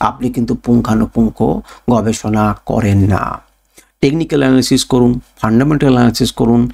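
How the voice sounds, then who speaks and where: A man's voice: mid-range voice, vocal fry, darkish tone. A man teaching trading, who poses rhetorical questions and answers them himself, repeating key points with a Bengali accent. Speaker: trading educator. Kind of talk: spoken tutorial.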